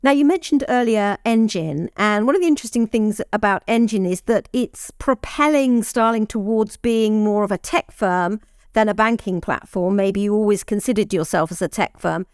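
A woman's voice: medium pitch, normal speed, clean tone, dry recording, clean studio sound. A woman interviewer asking long, layered questions in a conversational way.

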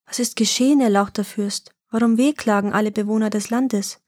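A woman's voice: mid-range voice, fairly even intonation, a little fast, a little mellow, no room sound, clean studio sound, close to an everyday voice. A woman voicing a bold courteous knight. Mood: earnest. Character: brave young male knight, bold and courteous.

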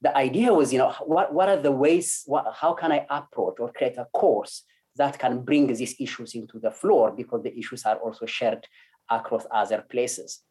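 A man's voice: medium pitch, normal speed, a little mellow. A man from Ethiopia speaking as a lecturer on an online panel, hesitant with many fillers and restarts. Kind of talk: academic panel talk.

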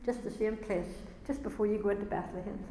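A woman's voice: mid-range voice, steady tone, fast, mellow, a little hiss or hum. Woman preaching in echoey hall. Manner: earnest, repeats words as she builds each point. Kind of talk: sermon. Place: church or hall, before a congregation. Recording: echoey hall with long reverb.

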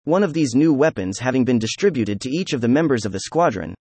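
A man reading a classic science fiction story aloud as scripted narration, with an even, unhurried delivery and the dialogue read with little change of voice. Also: medium pitch, slightly rough, no room sound. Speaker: audiobook narrator.

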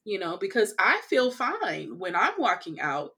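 A woman from California, a podcast interview guest, telling travel stories in casual conversation, animated and quick to laugh, with frequent "like" and "you know". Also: medium pitch.

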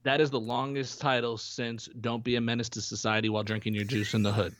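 A man's voice: medium pitch, little pitch movement, fast, a bit bright, no echo. A man co-hosting a podcast in casual chat, rambling with many restarts and fillers. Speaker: podcast co-host. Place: home in Florida.

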